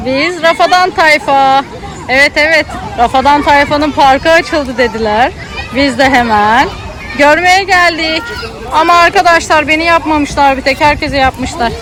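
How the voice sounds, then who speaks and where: Her voice sits high and she talks a little slowly as she narrates a family vlog for children, addressing viewers directly with lots of greetings and prompts. She's a mother filming her child at a packed outdoor kids' theme park, and the recording is noisy with loud crowd and outdoor sound behind her.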